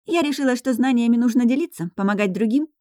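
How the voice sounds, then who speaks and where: A woman reading aloud, voicing a loud, pushy young woman who teases her friends. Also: a little high, fast talker, dry recording, studio quality, pitched above the performer's own voice, close to an everyday voice. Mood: bossy. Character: brash bossy young woman, scheming friend.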